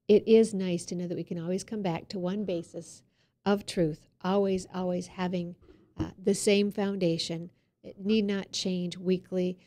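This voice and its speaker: A woman's voice: medium pitch, mellow. A woman hosting a talk show, chatty and loose, with fillers and little asides. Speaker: host.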